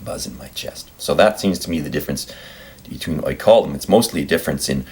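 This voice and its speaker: A man explaining and demonstrating singing in a calm, explanatory way, breaking into sung notes. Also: quick pace. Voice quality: very deep, gravelly voice. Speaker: singer demonstrating vocal range. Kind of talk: vocal demonstration.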